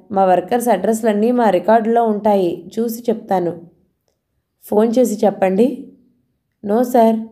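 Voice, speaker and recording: A woman's voice: mid-range voice, dark tone. A woman with a Telugu accent narrating a suspense novel, reading every character's lines in her own voice with light acting. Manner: reads all characters in her own voice, dialogue lightly acted. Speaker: audiobook narrator.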